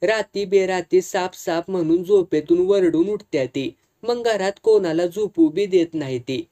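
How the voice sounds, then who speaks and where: A woman's voice: lowish voice, unhurried, dark tone, lightly acted. A reader voicing a tired, resigned village woman complaining in rural dialect. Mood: weary. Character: weary village matriarch, resigned.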